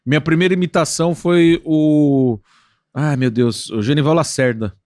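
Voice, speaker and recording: A man as a podcast guest, telling stories in a relaxed, slangy way and laughing easily. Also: fairly high pitch, moderate pace, dry recording, studio quality. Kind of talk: casual chat.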